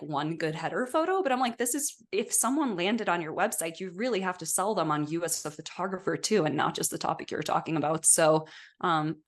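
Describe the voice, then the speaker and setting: A woman in her thirties from Norway, a photographer guest talking casually on a podcast with lots of "like" and "you know". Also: deep voice. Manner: chatty, many fillers like "like" and "you know".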